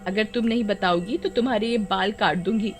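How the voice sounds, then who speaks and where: A woman's voice: medium pitch, brisk, faint music behind, natural voice. A woman voicing a nosy, jealous village girl in a cartoon, prying and bossy.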